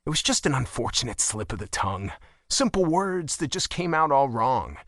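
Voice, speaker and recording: A man narrating a romance audiobook in the first person, expressive and wry. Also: medium pitch, normal speed, no echo, studio quality.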